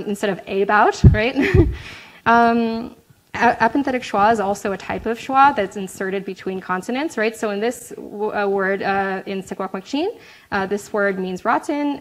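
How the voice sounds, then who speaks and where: A woman's voice: mid-range voice, rough recording. Woman giving a chatty academic talk. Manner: chatty, frequent "um" and tag "right?"; light laughs, self-deprecating asides. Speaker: graduate student presenter. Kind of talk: academic presentation.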